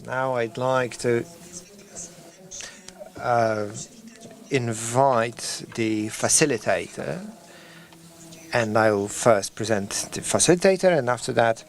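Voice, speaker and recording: A man hosting an event, giving a formal podium speech of introductions in a halting, hesitant way. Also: medium pitch. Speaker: event host introducing speakers.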